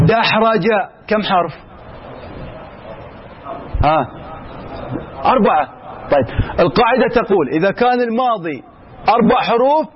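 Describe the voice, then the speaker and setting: Guy teaching grammar in class, high voice, quizzes students then answers, slightly muffled recording. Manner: asks students questions and answers them himself; mixes colloquial Arabic with formal Arabic. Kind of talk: classroom lesson. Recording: slightly dull, with faint room noise.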